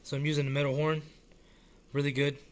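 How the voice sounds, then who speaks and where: A man casually talking through a hobby model car while filming it one-handed at home, relaxed and rambling with frequent restarts. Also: fairly high pitch, fast. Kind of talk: casual off-the-cuff vlog. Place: small indoor room at home.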